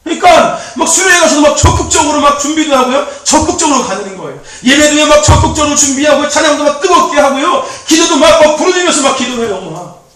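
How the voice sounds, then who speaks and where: Youth pastor, male, animated sermon delivery, recorded far off in a very echoey church hall. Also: very high-pitched, fast talker, faint music behind. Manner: animated, repetitive, laughing often. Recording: very echoey, distant mic.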